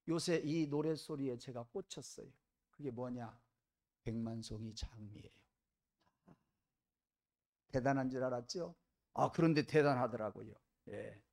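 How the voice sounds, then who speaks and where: A man preaching a sermon, telling a story vividly, with dramatic rises in pitch and loudness. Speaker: pastor. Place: church.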